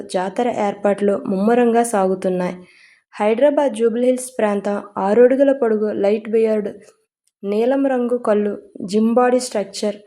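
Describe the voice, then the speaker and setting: A woman narrating an audio story in a steady storytelling manner, mixing English words into her speech. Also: mid-range voice.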